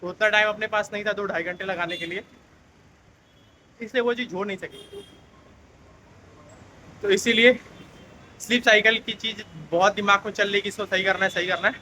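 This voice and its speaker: Young male vlogger, high and very bright voice, chatty storytelling rant, faint traffic behind. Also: steady tone, moderate pace, long pauses, poor audio. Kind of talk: casual vlog talk to camera. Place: Mumbai local train station and streets, outdoors.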